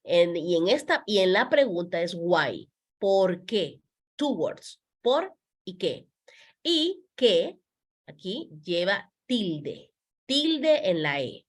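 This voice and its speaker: Slow, lively-voiced teacher woman. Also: mid-range voice. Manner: switches between Spanish and English, patient, repeats words slowly. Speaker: Spanish teacher. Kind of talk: slow explanatory language lesson.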